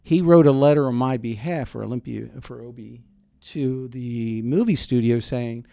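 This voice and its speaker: A man's voice: mid-range voice, normal speed, creaky, mellow. A man telling an enthusiastic story in casual conversation. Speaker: guest.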